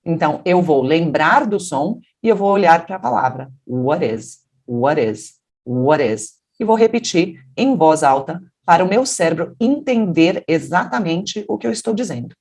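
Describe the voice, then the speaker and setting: A woman from Brazil teaching English pronunciation, explaining patiently and then modeling English words in a deeper voice. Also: animated, normal speed, few pauses, darkish tone, slightly rough. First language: Portuguese. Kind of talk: pronunciation lesson.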